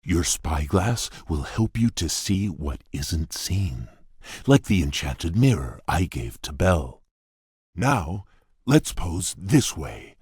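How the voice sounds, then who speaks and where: A courtly fairy-tale beast prince for a video game, with a deep and heavily husky voice. He speaks slowly and formally, gruff yet shy and earnest. The sound is close and dry. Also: very animated, a little mellow, no room sound, full character voice. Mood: courteous. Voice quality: husky, deep, gravelly rumble. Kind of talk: video game character voice lines.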